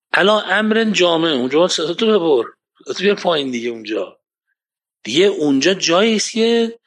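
A man giving a religious lecture, quoting Arabic verses, who rises to emphatic points and then drops his voice low. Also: a bit bright. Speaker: preacher.

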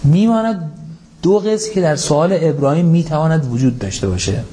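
Mellow-voiced man preaching on the Quran. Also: animated, slight background noise. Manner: rhetorical questions and recited Arabic verses; emphatic, rising pitch on key points. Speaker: religious lecturer. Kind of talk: Quran commentary sermon.

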